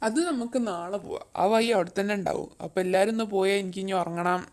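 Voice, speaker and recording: A woman's voice: mid-range voice, quick pace, darkish tone, natural voice. A young woman voicing an exasperated, mocking young male friend in an amateur fan dub.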